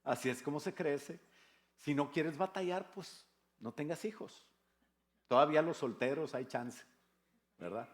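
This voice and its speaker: The older pastor, Mexican Spanish accent evident, delivers a conversational sermon in church with rhetorical questions and jokes. His voice is on the high side, a little slow, and broken by long pauses.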